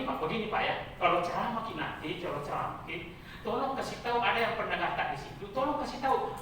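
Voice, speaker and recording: Brief: male religious instructor, bright voice, lively repeating delivery, recorded far off in a very echoey hall. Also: sits high, a little hiss or hum. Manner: animated, repeats phrases, chuckles often. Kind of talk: classroom lecture. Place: training hall. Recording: roomy hall, voice from a distance.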